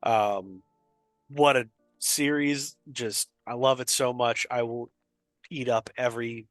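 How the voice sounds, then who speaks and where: A man's voice: medium pitch, steady tone, takes it slowly, no room sound, faint music behind. A man co-hosting a gaming podcast, talking in an enthusiastic, rambling casual chat. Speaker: podcast co-host.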